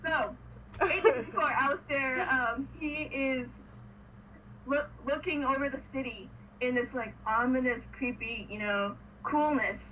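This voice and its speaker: A woman co-hosting a casual fan podcast, giggly and excitable, acting out scenes as she retells them. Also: high-pitched, unhurried, distant mic. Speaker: podcast co-host. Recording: dull lo-fi sound with faint noise, off-mic.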